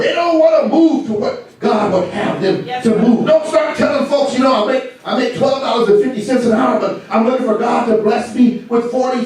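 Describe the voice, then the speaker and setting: A man preaching a sermon in an animated, mocking way, with laughing asides. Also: very high voice. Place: church sanctuary. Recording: echoey church from far off with congregation.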